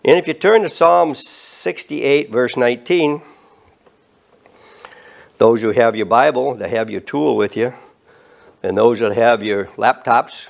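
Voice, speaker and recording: A man of eighty preaching an earnest, measured sermon from a podium and rising in emphasis on key words. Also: medium pitch, gravelly. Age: 80s. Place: studio set with bookshelves and flags.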